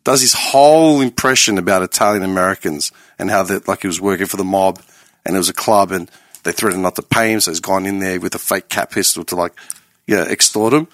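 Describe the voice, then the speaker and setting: With a low voice and brisk delivery, a man in his late 30s talks casually on a podcast, emphatic, animated and heavily profane. There's no echo in the recording.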